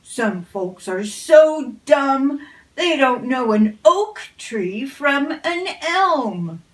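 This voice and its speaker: A woman's voice: high voice, big pitch swings, drawn-out words, roomy sound, distant mic, exaggerated voice. A woman voicing a smug, know-it-all male fox in a storybook, mumbling and scornful.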